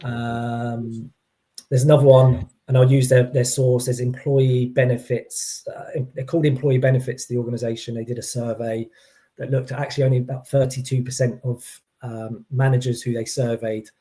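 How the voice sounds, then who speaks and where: A man's voice: medium pitch, little pitch movement, normal speed, warm tone. A man giving an informal expert explanation, hesitant, often restarting and qualifying his points. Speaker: employee engagement consultant as guest.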